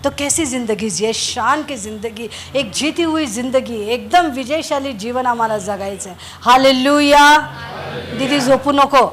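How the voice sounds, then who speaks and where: A woman's voice: fairly high pitch, lively intonation, normal speed, hardly any pauses, a little hiss or hum. A woman pastor preaching a sermon, telling stories and repeating phrases for emphasis with calls of hallelujah.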